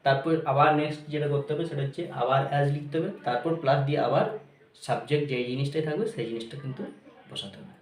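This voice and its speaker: A man teaching grammar, mixing English phrases into his explanations, repeating each point and checking whether his students are clear. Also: on the high side, fast talker, reverberant.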